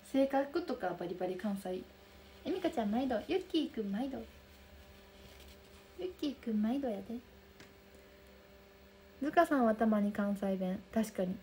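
A young woman with a soft Kansai accent chatting casually on a livestream, reading out and answering viewer comments. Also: on the high side, lively intonation, moderate pace, long pauses, a little hiss or hum. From Kansai region of Japan. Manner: soft, bubbly, chatty with frequent laughs. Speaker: livestream host. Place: room lit by daylight.

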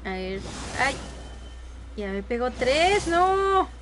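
A woman's voice: high-pitched, big pitch swings, extremely slow, music in the background. A young woman commentating live gameplay, often frustrated and exclaiming to herself and her viewers. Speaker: streamer.

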